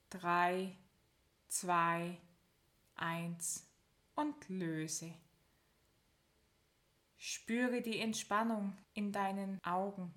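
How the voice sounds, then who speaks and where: This is a woman leading a progressive muscle relaxation exercise. She talks at an extremely slow, unhurried pace in a mid-pitched voice. She gives her instructions calmly and step by step, and leaves long gaps as she counts down. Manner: calm, instructive, counts down slowly with pauses. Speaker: relaxation guide.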